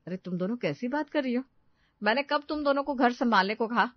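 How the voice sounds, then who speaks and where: Defensive middle-aged mother-in-law, fairly high, dry dull cartoon sound. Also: lively intonation, brisk, no echo.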